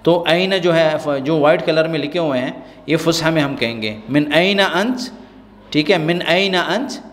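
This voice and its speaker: A man, teaching a spoken-language lesson and repeating example phrases slowly and deliberately. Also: fairly high pitch, long reverb tail. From Pakistan. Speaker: Arabic teacher.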